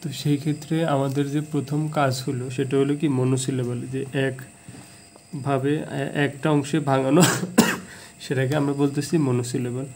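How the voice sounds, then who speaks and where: Gravelly man teaching English. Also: mid-range voice, flat delivery, darkish tone, a little hiss or hum, rough recording. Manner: plain, repeats example words slowly. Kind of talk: casual video lesson.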